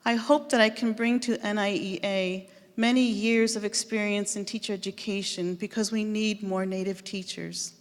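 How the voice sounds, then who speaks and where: A woman in her late fifties from Western New York giving an earnest, measured speech as a board candidate at a convention. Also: mid-range voice. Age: 50s. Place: large convention hall. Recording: long hall reverb.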